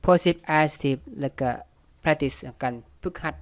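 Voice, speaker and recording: Lao-accented teacher for a beginner English lesson; slow, careful delivery and a smooth voice, each word said twice. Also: medium pitch, no room sound. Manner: repeats each English word slowly and clearly.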